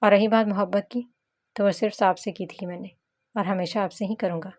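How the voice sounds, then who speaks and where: A patient, devoted young man speaks in an earnest, gentle way, as a woman reading the novel gives him voice. His words stay formal and tender. The voice sits in an ordinary middle pitch for a woman reader. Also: steady tone, fairly quick, lightly acted.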